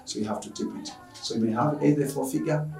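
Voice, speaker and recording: A man's voice: fairly high pitch, wildly swooping pitch, fast, gravelly, crowd noise. A man from Tanzania, a math teacher, earnestly closing an online lesson and asking viewers for donations. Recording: echoey room, noisy from far off.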